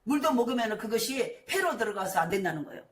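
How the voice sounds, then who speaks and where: A high-pitched middle-aged woman pastor delivers an impassioned sermon, dropping to near-whispers and then rising to shouts. Her voice rings through a reverberant church hall. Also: sing-song, quick pace. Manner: impassioned preaching, swinging from hushed storytelling to shouted declarations. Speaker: senior pastor. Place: church sanctuary.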